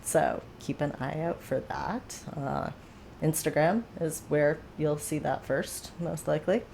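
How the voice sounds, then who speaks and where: A woman's voice: low voice, measured pace, gravelly, darkish tone, slight background noise. A woman hosting a livestream from home, chatting casually with viewers in a rambling way full of fillers and asides. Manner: rambling, filler-heavy, self-aware. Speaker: livestream host. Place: home, seated.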